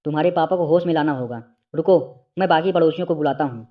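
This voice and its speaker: A man's voice: on the high side, quick pace, lo-fi sound, natural voice. A man voicing a protective elderly male neighbor who speaks sternly and reassuringly, in a storybook reading. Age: older.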